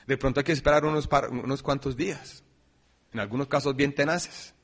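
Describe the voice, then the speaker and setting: A man preaching a sermon, swinging between loud emphasis and quiet asides. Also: mid-range voice, fairly even intonation, fairly quick. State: dry throat, coughing.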